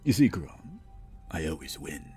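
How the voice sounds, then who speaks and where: A man's voice: extremely low pitch, very animated, warm tone, faint music behind, full character voice. A man voicing a gloating devil in a tabletop game, drawing out his words with smug mockery. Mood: taunting. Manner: drawn-out, mocking, smug. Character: gloating, taunting male devil who relishes suffering.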